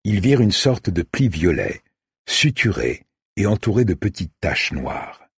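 A man's voice: low voice, unhurried, husky, dry recording, studio quality. A man narrating a novel, voicing each character in turn. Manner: expressive, acts out each character. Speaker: audiobook narrator. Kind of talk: scripted narration.

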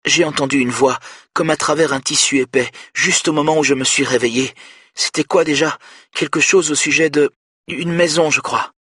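A man's voice: on the high side, steady tone, normal speed, bright, forceful tone, husky, no room sound, clean studio sound, voice pushed up. A man voicing a terrified trapped boy. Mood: frightened. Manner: frightened, pleading, small voice. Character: terrified young boy trapped in a car trunk. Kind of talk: audiobook character voice.

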